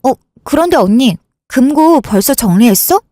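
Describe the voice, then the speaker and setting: A brisk, offhand younger sister, as a woman acts her out in a radio drama. Her fairly high voice moves lightly and lively. The sound is close and dry. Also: dry recording. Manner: brisk, offhand, brushes things off. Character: breezy, offhand younger sister, back from studying abroad. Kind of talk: Korean radio drama acting.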